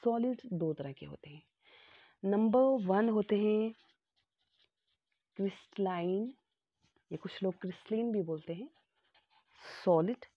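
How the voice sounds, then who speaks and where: A woman's voice: mid-range voice, slow, long pauses. A woman teaching a chemistry lesson, explaining step by step with homely examples, mixing in English terms and often checking that students follow. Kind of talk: classroom lecture. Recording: tinny phone-like audio.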